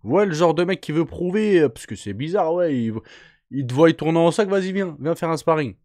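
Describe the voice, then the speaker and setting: Host guy cutting in to explain, dry room, pitch going up and down a lot. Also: expressive, darkish tone, dry recording. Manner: explains in slangy terms, pauses to add his own take. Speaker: channel host. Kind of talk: casual commentary on a clip.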